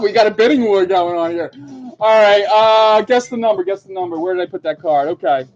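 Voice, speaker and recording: A man's voice: high-pitched, a little mellow. Giggly man hosting a trivia stream. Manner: laughs often, giggly and chatty. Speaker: livestream trivia host. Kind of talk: casual livestream chat. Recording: dull lo-fi stream audio with faint music.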